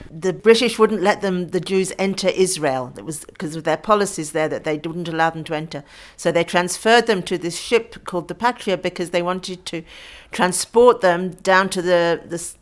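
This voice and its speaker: A woman narrating, plainly explaining the background to a testimony. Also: on the low side.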